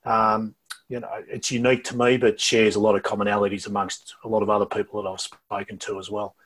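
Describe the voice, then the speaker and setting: A middle-aged Australian man speaking as an interview guest over a low-quality video call, talking in a halting way and often repeating words before going on. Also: flat delivery, a bit bright, slightly rough. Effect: low-quality video call audio. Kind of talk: casual interview talk.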